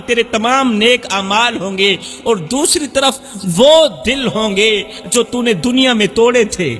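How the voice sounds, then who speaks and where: A man's voice: very high-pitched, pushed and bright, in a large hall. A male Islamic preacher, giving an emotional sermon full of repeated lines that build to cries. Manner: impassioned, repetitive, rising to cries.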